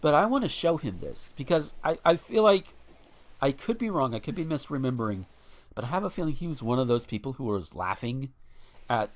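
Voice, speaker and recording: Male podcast co-host, casual and profane, very animated pitch, reads articles aloud. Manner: blunt and profane, ranting with restarts.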